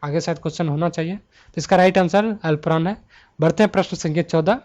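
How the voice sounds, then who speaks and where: A male grammar tutor with a high voice explains exam questions option by option. He slows down to list letters one at a time. The recording is muffled and lo-fi, made at a home computer mic. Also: a little mellow. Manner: talks students through multiple-choice answers. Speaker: Hindi grammar teacher. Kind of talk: online exam-prep lesson.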